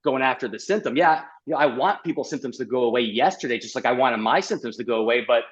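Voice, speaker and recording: A middle-aged man, a doctor as guest, telling his story in a lively podcast interview, full of fillers and "like". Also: medium pitch, fast talker, dull audio. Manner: animated, uses many fillers and "like".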